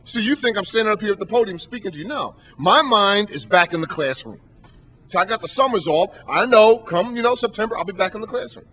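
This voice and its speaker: Standing at a podium on stage, a man who is a motivational speaker and professor delivers an emphatic, preacher-like speech, hammering his points home with rhetorical questions. His high-pitched voice is expressive, bright and forceful, slightly rough, and he talks briskly.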